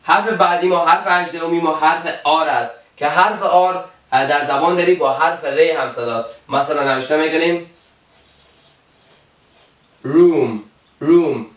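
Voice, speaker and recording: Male teacher with an Afghan Dari accent, slightly high, patient and repetitive, mic set back in an echoey room. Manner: slow, repeats each example word. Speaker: English teacher. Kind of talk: alphabet pronunciation lesson. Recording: roomy, from a distance.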